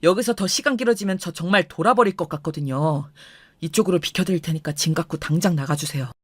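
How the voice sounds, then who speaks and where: A woman voicing a furious young husband who speaks in a low, firm, clipped way. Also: lively intonation, a little fast, a bit bright, no room sound. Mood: angry.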